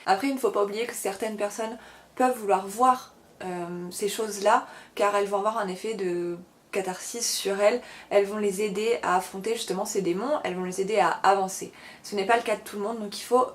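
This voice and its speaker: A young woman with a French accent, talking earnestly to camera as a writer and video blogger, often pausing and correcting herself. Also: medium pitch, fairly even intonation. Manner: earnest, many hesitations and self-corrections. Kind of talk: casual explanatory talk to camera.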